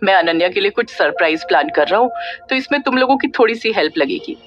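A woman's voice: medium pitch, animated, quick pace, close to an everyday voice. A woman narrator voicing Dhruv, a playful young man who explains his plans in a teasing, easy way. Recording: dull lo-fi audio with faint music.

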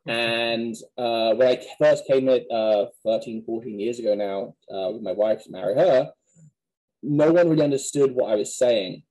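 A man in his thirties with a West Country Wiltshire accent softened by American, answering questions conversationally in an interview. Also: medium pitch, normal speed, rough recording. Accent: West Country Wiltshire English, softened by American. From Wiltshire, England. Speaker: museum director, interview guest. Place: small plain office, video call.

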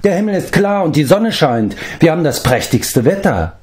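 A man voicing a jovial, talkative bard who declaims with lively emphasis in a storybook reading. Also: medium pitch, normal speed, pitched above the performer's own voice, lightly acted. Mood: hearty.

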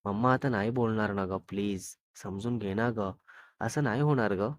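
A man voicing a timid young college girl in a spoken storybook, talking softly and pleading. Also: fairly low pitch, moderate pace, no room sound, clean studio sound, lightly acted. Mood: pleading tearful. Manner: pleading, soft, crying in later lines.

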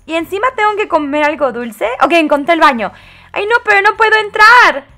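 Bright, high-voiced woman gaming. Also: fairly quick, faint music behind. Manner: animated, dramatic exclamations and giggles. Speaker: host. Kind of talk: casual gameplay commentary.

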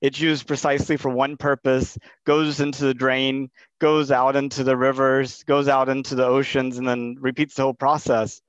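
A Texan man in his thirties hosts a casual video call interview from a small indoor room, asking long, rambling questions packed with fillers. His mid-range voice varies little in pitch and moves at a moderate pace with few pauses, and his tone is clean. Through his headset, the call audio sounds dull and lo-fi.

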